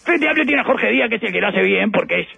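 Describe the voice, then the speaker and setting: A man's voice: high-pitched, lively intonation, fast, gravelly, pushed and bright, husky, dry recording, faint music behind. A man with a Uruguayan accent giving satirical political commentary on the radio, ironic and rambling with playful asides. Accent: Uruguayan Spanish. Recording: dull lo-fi radio audio.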